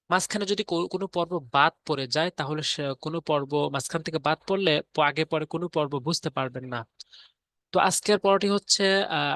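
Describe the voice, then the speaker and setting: A man leads a step-by-step lesson, drilling sounds patiently and repeating each example. His voice is bright and fairly high for a man. The recording is close and dry, with no room sound. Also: no room sound. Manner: patient, repetitive drilling with frequent fillers. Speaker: Quran reading teacher. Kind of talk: spoken tutorial lesson.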